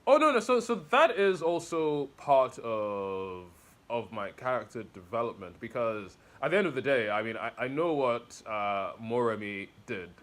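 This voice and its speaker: A man's voice: mid-range voice, expressive, normal speed, fairly bright tone. A man being interviewed about his comic, talking casually and hesitantly with many fillers and restarts. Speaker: interview guest, comic author.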